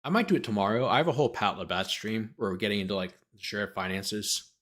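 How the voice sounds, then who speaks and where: In a lowish, fairly bright voice, a male lawyer-commentator moves quickly through a document he's reading on his legal show. Every so often he cuts in with a sardonic remark made up on the fly.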